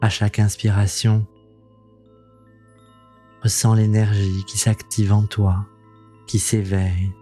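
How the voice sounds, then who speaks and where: A man leading a guided meditation in a soothing, gentle, intimate voice that sounds close to the ear, unhurried and calming, as the host of the practice. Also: fairly low pitch, soft background music. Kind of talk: slow guided meditation narration.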